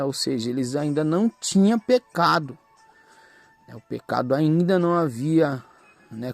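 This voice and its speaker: A man preaching an earnest testimony sermon with a fairly high voice. He keeps turning to his congregation with small tag questions. Soft music plays faintly underneath. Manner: earnest, repeats "né" and addresses the congregation as "igreja". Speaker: pastor.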